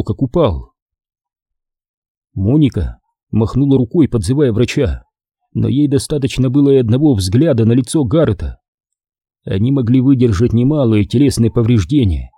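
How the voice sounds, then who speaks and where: A man reads a horror audiobook at a measured, steady pace. His voice is very dark and husky. The sound is close and dry, with no room around it. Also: mid-range voice, no room sound. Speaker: audiobook narrator. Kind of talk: scripted narration.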